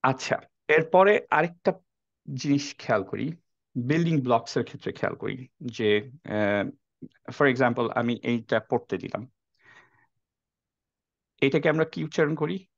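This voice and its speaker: A man's voice: mid-range voice, animated, measured pace, creaky, pauses often, no room sound. A man teaching a class on the Quran. He explains step by step, mixes English phrases into his sentences and keeps checking that the class is following. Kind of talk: classroom lecture. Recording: dry, slightly dull lo-fi sound.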